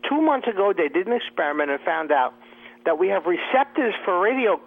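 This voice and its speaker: Sarcastic riffing radio host, high lively voice. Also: male voice, brisk. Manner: riffing and sarcastic, laughing at his own jokes. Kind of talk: comedic talk radio monologue. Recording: tinny phone-like radio audio.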